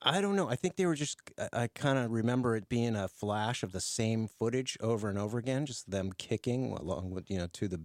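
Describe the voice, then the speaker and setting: A man's voice: fairly low pitch, animated, fairly quick, few pauses, darkish tone, dry recording, clean studio sound. A man co-hosting a radio show, chatting casually and stopping often to search for words. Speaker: radio co-host.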